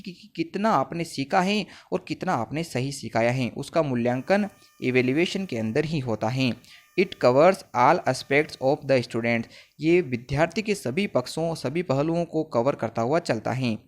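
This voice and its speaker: Guy teaching exam answers, slightly high voice, slow on the english bits. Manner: reads English phrases slowly, then explains in Hindi. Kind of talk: exam paper lesson explaining answers.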